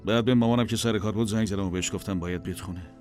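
A man playing a deep-voiced son, subdued, music underneath. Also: fairly even intonation, darkish tone, natural voice. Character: man recalling his father's betrayal. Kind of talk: dubbed drama.

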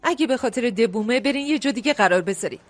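A woman dubbing a sharp-tongued middle-aged mother who runs a restaurant and scolds with heavy sighs. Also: a little high, lively intonation. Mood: scolding. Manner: scolding, sighing. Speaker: restaurant owner. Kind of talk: dubbed drama acting.

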